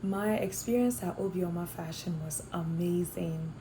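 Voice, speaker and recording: A woman's voice: fairly low pitch, measured pace, noisy background. A young woman from Ghana, a fashion design student, answering interview questions thoughtfully with some fillers and restarts. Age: young adult.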